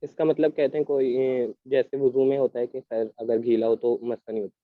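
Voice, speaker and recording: A man's voice: mid-range voice, steady tone. A male student hesitantly asks questions in a religious class and addresses the teacher as sir. His voice sounds thin and tinny, as if heard over a phone line from some distance away, with a dry, echo-free character.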